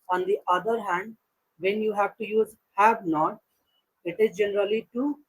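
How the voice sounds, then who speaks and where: A man practicing English on a video call, carefully explaining grammar step by step with hesitant pauses. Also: sits high, husky, low-quality recording. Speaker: English learner. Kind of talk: conversational English practice session.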